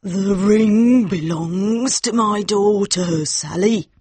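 A man voicing a frail, very old woman, speaking slowly in a high, quavering voice. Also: darkish tone, breathy edge, no echo, heavily acted. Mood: relieved.

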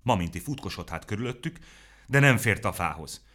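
A man reading a children's story aloud in a playful, animated way. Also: fairly low pitch.

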